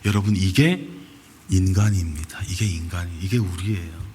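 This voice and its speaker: A male pastor preaching a sermon in animated storytelling, acting out quoted lines. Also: deep voice, moderate pace, a little hiss or hum. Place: church sanctuary.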